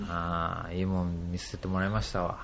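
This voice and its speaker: A man with a very low voice chats casually in an Osaka Kansai accent. He sounds like a co-host in an informal talk, with faint noise behind him. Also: flat delivery, normal speed, gravelly, a bit bright. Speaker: podcast co-host. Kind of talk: casual chat.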